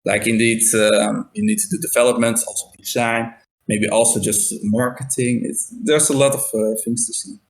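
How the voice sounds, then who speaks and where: A man's voice: on the low side, level tone, normal speed, a little hiss or hum, poor audio. Young Dutch man, thoughtful and hesitant. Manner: thoughtful, hesitant with many fillers. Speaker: game programmer. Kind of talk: casual interview answers.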